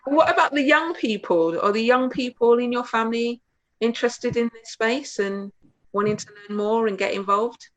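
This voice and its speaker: A woman's voice: on the high side, moderate pace, fairly bright tone, low-quality recording. A woman hosting a conversational interview, talking earnestly and repeating phrases for emphasis. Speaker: host.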